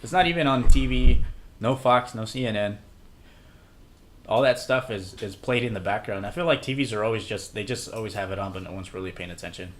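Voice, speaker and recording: A man's voice: fairly low pitch, a little fast. A young man co-hosting a casual podcast, rambling with fillers and trailing thoughts. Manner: rambling, hesitant, lots of fillers. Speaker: podcast co-host. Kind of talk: casual chat.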